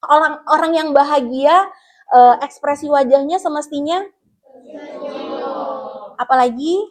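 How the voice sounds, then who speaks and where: A woman with a high voice teaches a classroom guidance lesson, taking the pupils through each point in turn. She keeps asking the class questions and addresses them warmly as children, with the patient manner of a school counselor. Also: a little slow. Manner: explains to pupils, asks the class questions, calls them "Nak".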